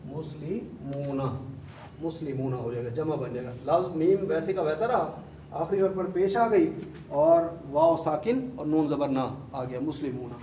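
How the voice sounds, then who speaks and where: A man's voice: on the high side, expressive, dark tone. Man teaching grammar in an echoey room. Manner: repeats word forms, drills students with questions. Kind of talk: classroom lesson. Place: classroom. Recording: echoey room, mic far off, faint hum.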